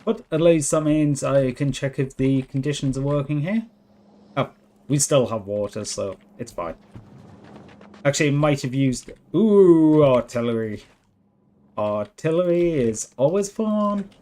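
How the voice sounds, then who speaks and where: A man's voice: a little high, lively intonation, measured pace, dark tone. A man streaming a video game, chatting casually in a self-deprecating way. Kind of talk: casual livestream chat while gaming.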